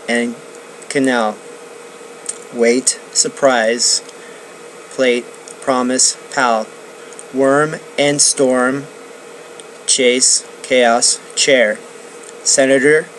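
Student doing a pronunciation drill super slow, each word super deliberate, soft hum of aircon in the back. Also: mid-range voice, fairly even intonation, poor audio. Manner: slow, deliberate, crisp diction. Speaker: student performer. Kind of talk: pronunciation drill and narrative reading.

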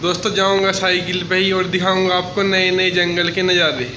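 The recording's audio is dull as a young man from Uttar Pradesh, India talks at a moderate pace in a high, flat voice. His casual vlog walks viewers through village fields and lanes, and he keeps saying "friends"; the phone is held at arm's length, with loud music under his voice.

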